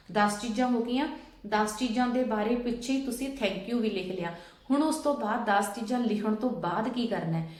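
A woman's voice: mid-range voice, darkish tone, echoey room. A woman vlogger patiently explaining steps and often checking that listeners follow. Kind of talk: casual instructional talk.

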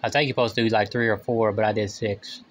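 A middle-aged man chatting casually to camera in short, halting phrases, his mouth burning from spicy food. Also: on the low side, fairly even intonation, a little hiss or hum. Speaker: vlogger doing a spicy food challenge. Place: small room indoors.

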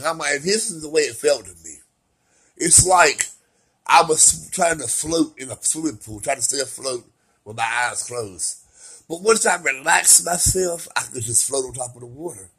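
A man talking to his camera about his recovery, swinging between soft, slow remarks and loud bursts of laughter. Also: medium pitch, slightly rough. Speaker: vlogger sharing his recovery. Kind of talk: casual personal vlog.

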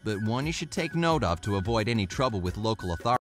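A man's voice: on the low side, big pitch swings, quick pace. Upbeat male narrator over faint music. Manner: upbeat, informative, lightly jokey. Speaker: narrator of a travel list video. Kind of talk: scripted narration.

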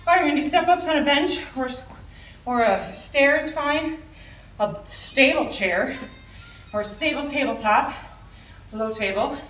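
A woman's voice: sits high, unhurried, long pauses, a bit bright. A young woman working as an aerobics instructor, exercising as she calls out counts and short, repeated motivating commands. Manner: exerting while talking, jumping and stepping. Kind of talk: workout class instruction with counted cues. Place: large mirrored indoor fitness studio. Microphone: far camera. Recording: echoey studio, distant dull mic, music playing. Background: workout music.

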